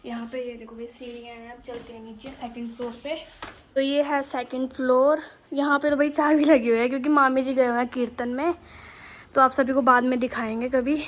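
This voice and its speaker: A high-pitched young woman vlogs casually on her phone as she walks through a house and the streets outside. She talks straight to her viewers in a chatty, friendly way. A faint hum of ambience sits behind her voice. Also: little pitch movement, fairly quick. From Uttarakhand, India. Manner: chatty, addresses viewers directly, calls them bhai. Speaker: vlogger. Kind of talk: casual walking vlog. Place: house and streets in a hill town, indoors and outdoors.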